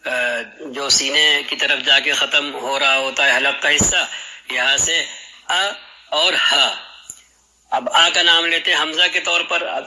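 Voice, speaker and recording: A man gives a patient spoken lesson on pronouncing letters, stopping to demonstrate each throat sound aloud. His voice is strikingly bright and sharp, pitched a little high for a man. It carries a radio-like broadcast sound. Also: low-quality recording. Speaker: Quran recitation teacher. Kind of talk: explanatory lesson on letter articulation.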